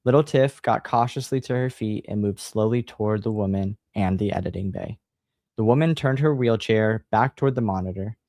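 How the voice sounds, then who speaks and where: A man hosting a livestream, chatting casually and reading a horror book aloud in a relaxed, sighing manner. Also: on the low side, normal speed, no room sound, clean studio sound. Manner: relaxed, sighing, laid-back.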